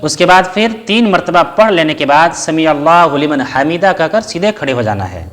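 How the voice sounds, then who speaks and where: A man's voice: fairly high pitch, animated, normal speed, fairly bright tone. A man giving a step-by-step lesson in a patient teaching manner, asking questions and answering them himself and reciting short Arabic prayer phrases. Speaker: religious teacher.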